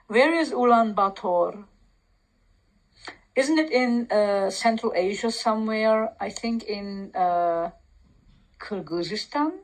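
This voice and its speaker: A woman with a Turkish accent reads a passage aloud and comments on it as she goes. She speaks slowly, with many pauses, fillers and restarts. Her voice sits in a middle pitch range. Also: poor audio. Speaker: language commentator. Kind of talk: reading and commenting on a text.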